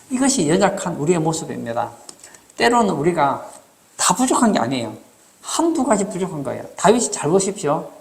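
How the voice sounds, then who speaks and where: A man delivers a sermon from the pulpit in an animated, lively voice that rises and falls widely. He leans on rhetorical questions and acts out short quoted lines for the congregation. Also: sits high. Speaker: pastor.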